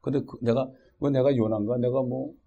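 A man preaching a sermon as pastor, reading scripture aloud and then talking in an animated way, often tossing rhetorical questions at the congregation. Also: mid-range voice, a little fast, gravelly, dull audio.

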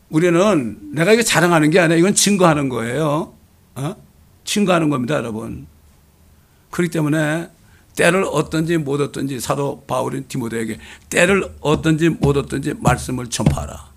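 A man preaching a fervent sermon as a pastor, swinging between loud exclamations and quiet asides. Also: a little high, normal speed, vocal fry.

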